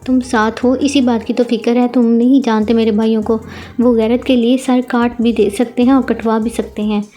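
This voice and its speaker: Woman reading a proud hurt young bride, slightly high voice, flat, storybook reading. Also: moderate pace, soft background music, natural voice. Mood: angry, hurt.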